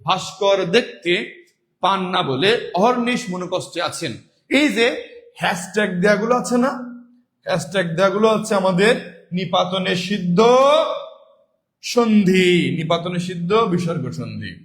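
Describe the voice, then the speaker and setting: A man with a high-pitched voice runs a live online grammar lesson. He repeats each rule several times and answers his own questions. Between the explanations he promotes course admission, and the sound carries noticeable room echo. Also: expressive, moderate pace, long pauses, fairly bright tone. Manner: repeats points and asks students call-and-response questions. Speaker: online Bangla grammar teacher.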